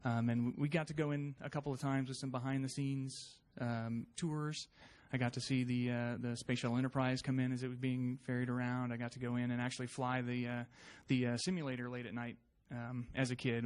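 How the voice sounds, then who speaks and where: A man from Texas who works in aerospace, telling his story on a panel in a relaxed, hesitant way with many ums. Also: mid-range voice, a little fast, few pauses. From Texas, USA. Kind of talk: panel talk, personal story.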